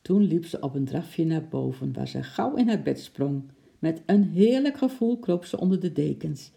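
Dark, gravelly storybook narrator. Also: medium pitch. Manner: calm, unhurried storytelling. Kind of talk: children's story reading.

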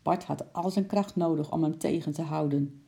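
A woman narrating a children's storybook aloud in a calm, lively way. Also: low-pitched, moderate pace, creaky.

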